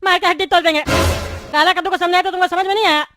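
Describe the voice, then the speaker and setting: A woman's voice: very high-pitched, fairly even intonation, very fast, bright, forceful tone, faint music behind. A woman voicing a bald, bullying male thug politician in a cartoon, speaking in a threatening, bossy way. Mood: menacing. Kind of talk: cartoon voice acting.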